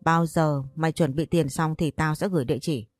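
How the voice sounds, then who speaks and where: A coarse, ruthless male loan shark growls out blunt threats in an audio story, voiced by a woman. The voice sits low and mellow, close and dry. Faint music plays underneath. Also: fairly even intonation, normal speed, no room sound. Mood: menacing.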